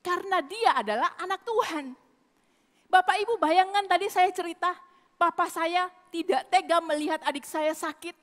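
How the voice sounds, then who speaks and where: A woman's voice: extremely high pitch, normal speed. A woman preacher giving an emphatic sermon to a congregation, repeating her phrases. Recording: long hall reverb.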